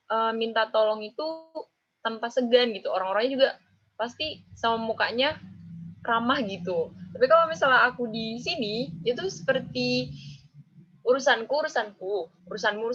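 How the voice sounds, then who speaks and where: Her voice sits on the high side, fairly bright and slightly rough, with a Javanese accent from Java, Indonesia. In her twenties, she's being interviewed in a casual chat, stretching out her words and tagging phrases with the filler "gitu," on a dull lo-fi recording.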